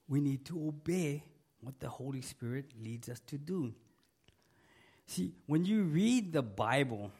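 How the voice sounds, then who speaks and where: A middle-aged pastor with a gravelly, mid-range voice preaches a sermon in a church sanctuary. Losing his voice to a cold, he speaks emphatically, repeats key words, and asks the congregation for an amen.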